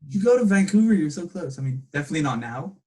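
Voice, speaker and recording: A man's voice: a little high, animated, quick pace, warm tone, slightly rough. A man hosts a podcast in a slightly raised voice, casual and joking with his guest. He stumbles over names now and then but keeps the talk friendly. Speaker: podcast host. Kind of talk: casual chat.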